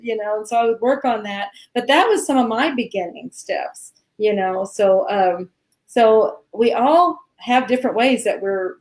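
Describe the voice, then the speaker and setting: A woman in her sixties co-hosting a live Q&A, talking in a relaxed, rambling way. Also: a little high. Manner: relaxed, rambling, gentle laughs. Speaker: co-host. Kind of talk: casual conversation on a live Q&A.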